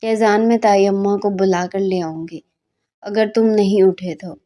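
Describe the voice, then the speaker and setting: A woman voicing a bossy, quick-tempered young female student who scolds impatiently. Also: mid-range voice, fairly even intonation, warm tone, natural voice. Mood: scolding.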